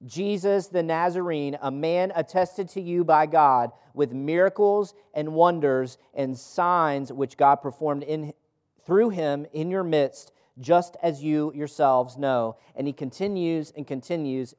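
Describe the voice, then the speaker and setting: Taking things slowly, a man whose voice is darkish and on the high side leads a Bible study in a room full of people. He teaches informally from scripture, repeating phrases for emphasis and asking rhetorical questions as he preaches.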